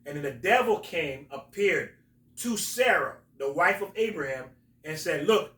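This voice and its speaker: A man hosting a talk, explaining religious stories in a halting, emphatic storytelling way. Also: a little high, expressive, bright, forceful tone. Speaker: host, religious teacher. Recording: roomy echo, distant from mic.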